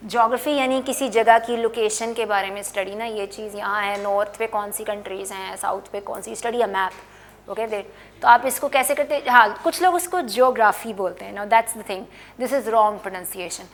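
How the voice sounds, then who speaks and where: A woman's voice: medium pitch, moderate pace. A middle-aged woman teaching English pronunciation, patiently repeating and explaining words in a mix of Hindi and English. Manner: patient, explains words by writing and repeating them, with frequent "okay".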